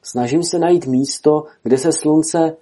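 A man voicing a frantic young man who has been turned into a bear, in a husky voice. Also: fairly high pitch, dark tone, voice pushed up, lightly acted. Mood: eager.

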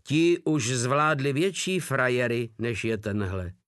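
A man's voice: mid-range voice, expressive, fairly bright tone, no echo, studio quality, close to an everyday voice. A man voicing a huge crude male soldier who mocks and swears with brutal cheer. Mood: mocking. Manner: coarse, mocking, swearing.

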